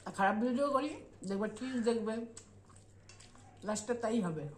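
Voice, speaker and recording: A woman talks while chewing, grumbling straight at her viewers. She rattles along very fast. Her voice rings in an echoey room over a faint hiss. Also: fairly high pitch, lively intonation, a little mellow. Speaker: food vlogger. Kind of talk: casual eating-show chat to viewers.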